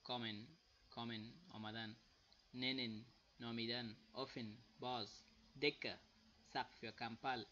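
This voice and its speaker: Man, afghan dari accent, bright voice, slightly muffled recording with faint room noise, teaching. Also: medium pitch, level tone. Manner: repeats example words slowly and loudly, then explains softly. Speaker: language teacher. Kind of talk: casual spoken lesson.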